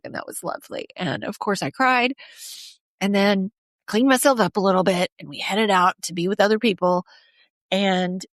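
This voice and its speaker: A woman's voice: mid-range voice, dry recording, clean studio sound. A middle-aged woman hosting her own podcast, talking casually and openly, speaking straight to her listeners. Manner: chatty, open, addresses listeners directly. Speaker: podcast host. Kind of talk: casual solo podcast talk.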